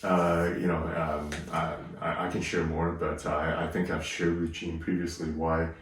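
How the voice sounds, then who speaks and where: A low-voiced man from Taiwan hosts a slow tea chat, explaining at an unhurried, halting pace. He sits well back from the mic in a strongly echoing room. A faint background hiss runs under his voice. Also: flat delivery. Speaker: host of a tea session. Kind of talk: casual hosted chat. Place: room in Hong Kong. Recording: very echoey, distant mic, faint noise.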